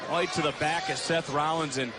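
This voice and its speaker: A man calling live wrestling as an emphatic, often shouting play-by-play commentator. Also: a little high, fairly even intonation, normal speed. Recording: loud arena noise behind voice. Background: noisy live wrestling event.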